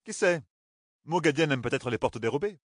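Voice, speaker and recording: Narrator putting on a wry impatient young guy, voice pushed up high, dry. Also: lively intonation, a little fast, no room sound. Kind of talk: audiobook character voice.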